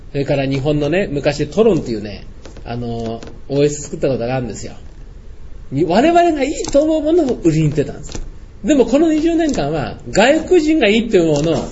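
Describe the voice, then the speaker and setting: A man's voice: a little high, dark tone. An older man giving a blunt, scolding lecture-style talk. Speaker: speaker. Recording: dull lo-fi sound with faint noise.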